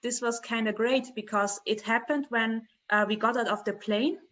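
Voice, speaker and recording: A woman in her twenties from the Dominican Republic, a podcast guest talking in a halting way, searching for words. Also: a little high, steady tone, fairly bright tone, highs cut off. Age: 20s. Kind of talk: casual interview chat.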